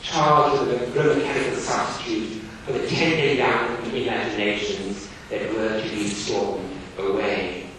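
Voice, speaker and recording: A man lecturing on a novel, reading passages aloud and explaining them in slow, deliberate, musing asides. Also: fairly low pitch, fairly even intonation, a bit bright. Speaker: literature lecturer. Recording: distant mic in echoey room with noise.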